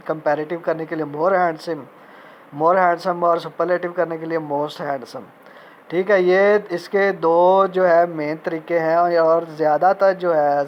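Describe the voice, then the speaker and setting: A man teaching a recorded grammar lecture in Urdu, reading out English example sentences and repeating each point slowly. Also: on the high side, muffled recording, slight background noise. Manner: mixes Urdu speech with spoken English examples.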